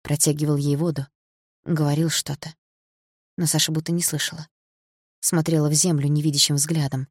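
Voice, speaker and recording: A woman with a low, husky voice narrating a first-person audiobook with intensity. The sound is dry and close. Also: level tone, normal speed, long pauses, dry recording. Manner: intense, emotional storytelling.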